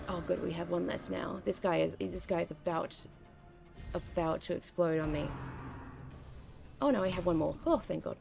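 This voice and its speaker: Creaky and darkish, her lowish voice accompanies casual gameplay commentary. The young woman rambles as she plays, chatty and often stopping partway through sentences.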